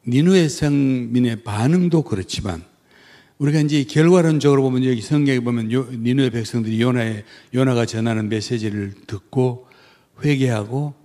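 Husky, animated male missionary preacher. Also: mid-range voice. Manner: emphatic, rhetorical questions to the congregation. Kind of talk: sermon.

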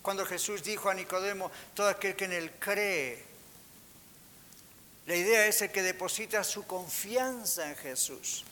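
A pastor preaches with a high, bright voice, putting rhetorical questions to his listeners. His voice rings out through a reverberant hall over a faint hiss. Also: unhurried. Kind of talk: sermon. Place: church hall.

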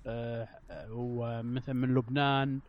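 A dull, slightly lo-fi recording of a man. He chats casually on a panel at a middling pitch, often halting and doubling back to repeat his point with insistence. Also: flat delivery. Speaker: panelist on a film discussion show. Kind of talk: casual chat.

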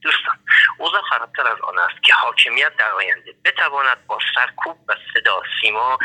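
Iranian male, formal orator reading a political statement as a phone voice message; very sharp, forceful tone, mid pitch. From Iran. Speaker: political prisoner, party secretary-general. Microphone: telephone handset. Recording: harsh, thin prison telephone line.

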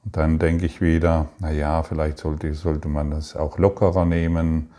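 A man giving a calm, reflective spiritual talk, speaking slowly with pauses and restarts. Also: a bass voice. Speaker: spiritual teacher.

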